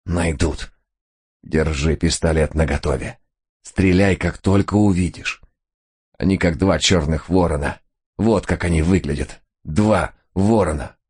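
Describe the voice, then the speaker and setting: A man's voice: low voice, measured pace, a little mellow, breathy edge. A man voicing a terrified, wounded male crook who wails and pleads frantically. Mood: fearful.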